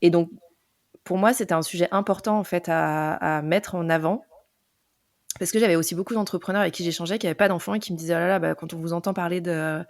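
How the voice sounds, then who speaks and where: An entrepreneur in her forties, appearing as a podcast guest, talks fast in a fairly low voice with fairly even intonation. The studio-quality recording has no echo. In this casual interview, she tells her story with plenty of hesitations and fillers.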